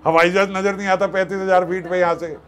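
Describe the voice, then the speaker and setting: Animated katha storyteller, man. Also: high-pitched, fast talker. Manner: animated, acts out voices and jokes with the audience. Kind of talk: devotional katha sermon.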